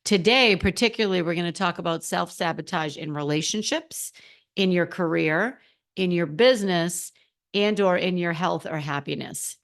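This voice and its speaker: A middle-aged woman speaks to her listeners as a coach on a casual podcast she hosts alone, lively and talkative. Her slightly hoarse voice is on the low side, delivered at a moderate pace.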